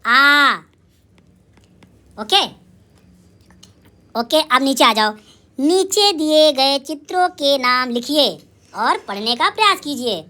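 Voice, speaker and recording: Woman schoolteacher, bright ringing voice; quizzes children and answers herself, cheering them on. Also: high voice, expressive. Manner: asks and answers her own questions; drawn-out sounding of syllables. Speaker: primary school teacher. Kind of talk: lively recorded lesson for young children.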